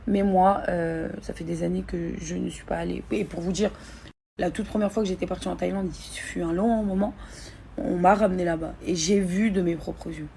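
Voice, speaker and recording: Upset woman venting, with a creaky voice. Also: fairly low pitch, steady tone, normal speed, warm tone, a little hiss or hum. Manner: agitated, repetitive, slangy and blunt. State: upset and irritated. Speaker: vlogger talking to followers. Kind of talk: casual to-camera vent.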